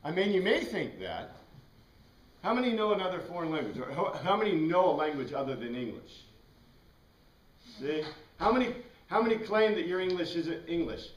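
Captured by a distant camera in a small, echoey classroom lined with bookshelves and a whiteboard, a middle-aged teacher with an American accent lectures informally amid background noise. His slightly high voice is sing-song at normal speed as he rambles and quizzes the class.

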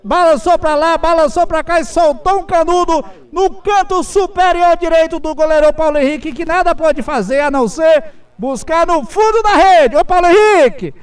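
Very high-pitched Brazilian male football reporter. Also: moderate pace.

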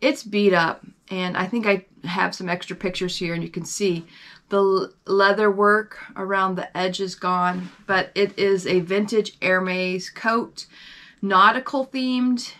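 A woman's voice: medium pitch, steady tone, measured pace, fairly bright tone. A woman hosting her own reselling vlog, chatting casually and rambling with fillers and self-corrections. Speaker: online reseller and channel host.

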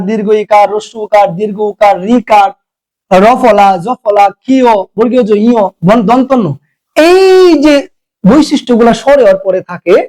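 A man's voice: high voice, a little mellow, poor audio. A man teaching an exam-prep lecture, coaxing students and repeating rules.

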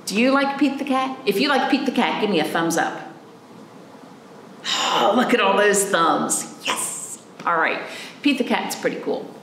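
Her voice medium-pitched, a bit bright, animated, and unhurried, a woman in her forties hosts storytime like a children's librarian. She talks with young children and reads a picture book aloud, asking simple, encouraging questions, in a small indoor room a few feet from the camera with roomy echo and faint background noise.

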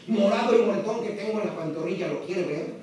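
A man's voice: high voice, quick pace, natural voice. A man playing a coy, teasing young woman. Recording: echoey theatre, distant mic, loud audience.

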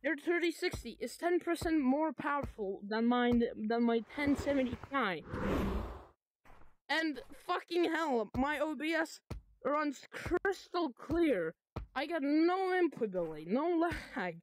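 Boastful high-voiced streamer woman. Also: expressive, slow, a little hiss or hum. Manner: boastful, swearing, teasing. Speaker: livestreamer. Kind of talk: casual gaming stream chat.

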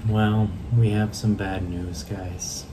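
A man in his thirties talks into a phone held at arm's length outdoors on a mountain trail. He speaks in a halting, casual vlog style, full of fillers and restarts, with clear background noise behind him. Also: fairly low pitch, little pitch movement. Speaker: hiking vlogger. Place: outdoors on a mountain trail, later indoors in a room.

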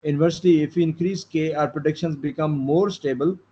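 A man's voice: on the high side, steady tone, a little fast, warm tone, breathy edge. A man lecturing patiently on programming, with many fillers and restarts, recorded with dull lo-fi sound. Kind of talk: live online lecture. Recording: dull lo-fi sound with faint noise.

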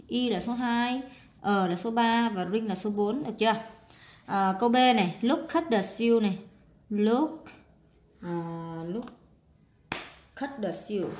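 A woman's voice: mid-range voice, a little mellow. Patient woman teaching children English. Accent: Vietnamese. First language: Vietnamese. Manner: slow, patient, spelling words out letter by letter. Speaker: primary school English teacher. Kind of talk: explaining worksheet exercises to young children.

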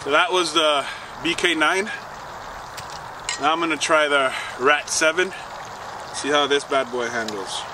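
A man's voice: fairly high pitch, a little slow, long pauses. A man in his thirties casually showing gear to viewers while cooking in the winter woods. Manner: relaxed, chatty, addresses viewers directly. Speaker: outdoor cooking vlogger. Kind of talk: casual demo talk. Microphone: chest-mounted action camera. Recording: distant outdoor camera mic with wind noise.

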